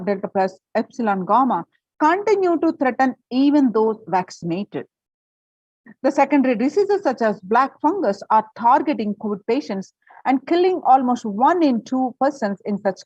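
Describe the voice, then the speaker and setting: A woman reads a prepared text aloud as a presenter, her somewhat high voice moving up and down a lot. The voice is a little husky, and she trips now and then into fillers and restarts. The recording is dry and a bit dull. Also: darkish tone, dry recording. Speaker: presenter reading an article.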